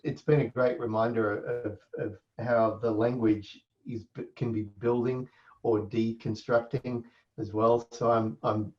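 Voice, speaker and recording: A man hosting a video call, giving halting closing remarks with many restarts. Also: lowish voice, a little mellow. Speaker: event host. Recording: dull lo-fi call audio.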